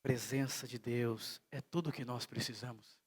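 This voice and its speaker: A male pastor from Brazil preaching a sermon in a church service, telling stories and swinging between hushed and loud delivery. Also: medium pitch, steady tone, normal speed, husky.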